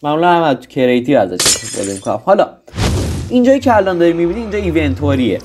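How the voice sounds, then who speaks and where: A man's voice: a little high, big pitch swings, background noise. A young man casually explaining a video game in a rambling tutorial, with restarts and joking asides. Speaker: gaming tutorial host.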